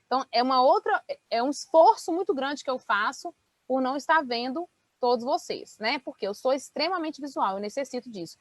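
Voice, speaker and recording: A woman mentor giving an online sales training talk, explaining in a lively way and checking in with her listeners often. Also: high voice, brisk, no echo. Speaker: business mentor and speaker.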